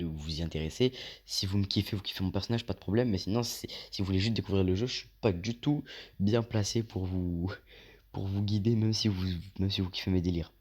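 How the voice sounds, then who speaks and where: A man with a low, mellow voice gives let's play commentary. He reads the game's lines aloud and keeps drifting into long, slangy asides. His delivery is loose and talkative. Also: steady tone, fast, breathy edge. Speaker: gaming YouTuber.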